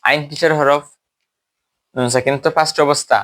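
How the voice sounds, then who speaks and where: Male recitation teacher at a whiteboard, asks questions and answers them himself, drags Arabic words out slowly when demonstrating. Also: a little high, steady tone, fairly bright tone. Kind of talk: classroom tajweed lesson.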